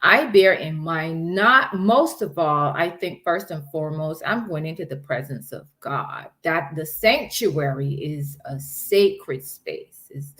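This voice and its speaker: A woman's voice: low voice, expressive, takes it slowly, few pauses, fairly bright tone. A woman on a church panel discussion, speaking reflectively and thinking aloud, often murmuring agreement.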